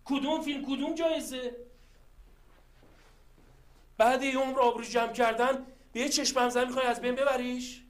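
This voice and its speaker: A man's voice: a little high, close to an everyday voice. A man playing a skeptical, blunt office colleague in a TV drama. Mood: indignant. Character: wary male colleague, proud of his reputation. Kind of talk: TV drama acting.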